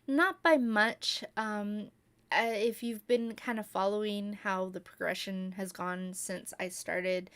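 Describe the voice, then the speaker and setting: Woman, YouTube creator, casual talk to camera, soft-spoken, rambling, mid pitch.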